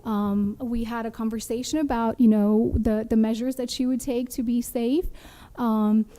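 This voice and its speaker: A woman who is a licensed clinical social worker, giving earnest, measured public testimony with frequent pauses. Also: fairly high pitch, steady tone, mellow.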